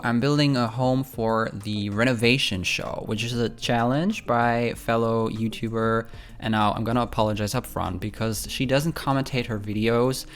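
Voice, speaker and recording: A man hosting a home-building game video, talking casually over the footage with a friendly, apologetic manner and many ums. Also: mid-range voice. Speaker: speed-build video host.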